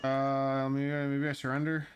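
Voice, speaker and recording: A man's voice: medium pitch, completely flat delivery, a little slow, clean tone, highs cut off. A man chatting casually with teammates in a military game, with offhand asides and swearing. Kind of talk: casual gaming chat.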